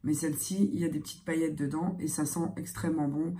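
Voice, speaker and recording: A young woman chatting casually in a beauty vlog, halting and hesitant, her voice thick, congested and strained from tonsillitis and a sore throat. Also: low voice, steady tone, mellow. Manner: hesitant, halting, searching for words. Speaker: beauty vlogger.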